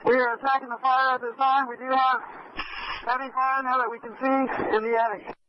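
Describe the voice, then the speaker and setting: A man's voice: extremely high pitch, little pitch movement, brisk. A man leading a firefighting crew, giving clipped, procedural status reports over a two-way radio. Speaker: firefighter attack group leader. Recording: very noisy, dull fireground radio transmission.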